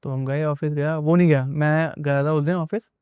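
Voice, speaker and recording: A man's voice: on the high side, steady tone, moderate pace, darkish tone, clean tone, dry recording, studio quality. A young man casually recounting an experience as a guest, rambling and repeating himself as he tells it. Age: young adult. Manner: rambling, repetitive retelling with many asides. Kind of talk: casual spoken storytelling.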